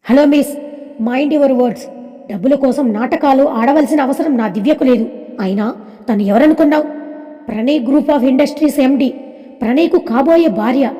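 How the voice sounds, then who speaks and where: A woman's voice: high voice, normal speed, warm tone, highs cut off, close to an everyday voice. A woman voicing a devoted young man who talks earnestly and pleadingly about his missing fiancée, in a storybook with long reverb. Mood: indignant.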